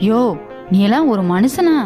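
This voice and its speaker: A fed-up cartoon wife with a sharp, sarcastic tongue, played by a woman. Her raised voice rings in a reverberant space. Faint music plays underneath. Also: a little high, lively intonation, normal speed, natural voice. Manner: scolding, sarcastic. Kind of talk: animated cartoon voice acting.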